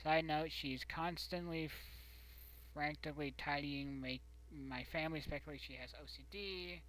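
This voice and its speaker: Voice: medium pitch, fairly even intonation, moderate pace, a bit bright, rough recording. A streamer casually reading a post aloud and commenting, rambling with muttered, whispered asides.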